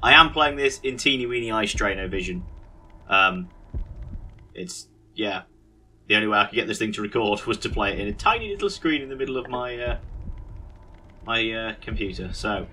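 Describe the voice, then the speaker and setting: British man, very bright, sardonic gaming commentary. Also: lowish voice, expressive, brisk, long pauses. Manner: sardonic, mock-grumpy. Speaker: gaming video host. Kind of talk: casual gameplay commentary.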